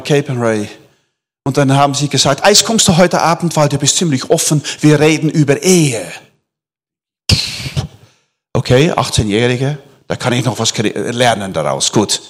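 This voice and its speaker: A man preaching a sermon to a congregation, animated, swinging between loud emphatic lines and soft near-whispers. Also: mid-range voice, normal speed.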